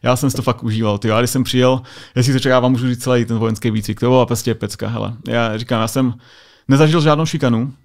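A man's voice: mid-range voice, steady tone, a little mellow. A Czech man, a US Air Force sergeant, telling anecdotes in a casual interview, full of filler tags. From Czech Republic.

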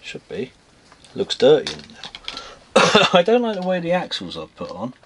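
A man's voice: a little high, wildly swooping pitch, measured pace, fairly bright tone. A man hosting a toy unboxing at a table indoors, bossy and teasing as he chats. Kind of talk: casual unboxing chat. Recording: noisy home camera recording.

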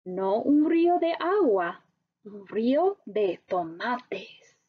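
A woman teacher narrating a story slowly and expressively for language learners. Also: on the high side, husky, phone-quality sound. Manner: very slow, deliberate, expressive storytelling.

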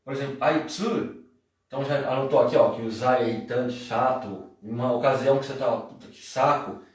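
A man's voice: mid-range voice, fairly quick, darkish tone. A man giving a casual, slangy, jokey Japanese lesson on a live stream. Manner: chatty, slangy, jokey explanations. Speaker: Japanese teacher. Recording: very echoey room, distant mic.

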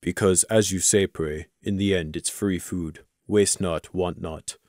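A man's voice: fairly even intonation, measured pace, dry recording, studio quality. Man doing a formal warrior pegasus. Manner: formal, recited, low and quiet.

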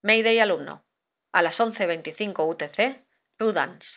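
A woman's voice: medium pitch, a little slow, dry recording. A woman instructor reciting formal marine radio calls in set procedure wording. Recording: dull lo-fi recording.

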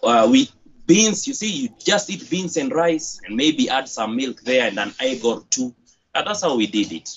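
A young Kenyan man with a Kenyan accent, talking haltingly in a casual interview over a headset on a video call. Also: medium pitch, lively intonation. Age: young adult. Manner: halting, with many fillers and restarts. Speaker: interview guest, gym owner. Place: outdoors by a corrugated metal wall. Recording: dull lo-fi video-call audio with faint noise.

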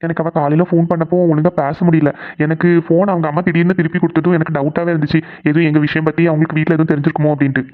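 Fast-talking woman on a dull recording. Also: deep voice, little pitch movement. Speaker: cartoon channel creator voicing the characters. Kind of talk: cartoon voice acting and chat to viewers.

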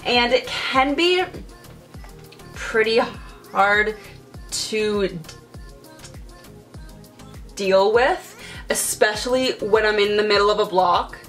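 This is a young adult vlogger's relaxed get-ready-with-me talk, recorded in her bedroom as she applies makeup. Her medium-pitched voice is a bit bright and slow, broken by long pauses and a stutter of repeated sounds and blocks, over soft music.

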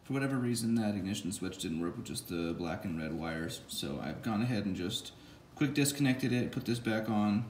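This man building an electric motorcycle has a fairly low, expressive voice and talks at a normal speed with few pauses. He casually explains his wiring in a home garage, thinking aloud with fillers and restarts, recorded close on a phone camera in an echoey room.

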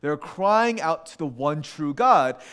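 A man preaching a sermon in a conversational, animated way, with quick restarts and acted asides. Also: a little high, smooth. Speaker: pastor.

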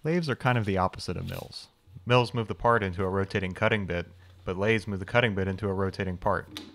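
This young machinist, who hosts the channel, gives a quick scripted voice-over tour of his workshop in a low but fairly bright voice. His humor runs dry and wry, peppered with jokes at his own expense, and a faint hiss lies beneath the recording.

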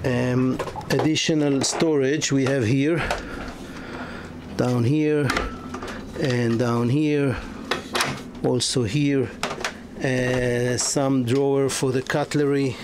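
Slow-talking man touring a sailboat. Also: medium pitch. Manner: halting, many fillers and restarts. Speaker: yacht broker. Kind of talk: walkthrough tour. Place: inside a sailboat cabin. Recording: noisy ambience.

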